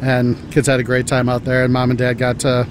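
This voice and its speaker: A man, a parent, talking in a relaxed, somewhat hesitant way in an outdoor interview in a city. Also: medium pitch, a little fast, noisy background. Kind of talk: casual interview.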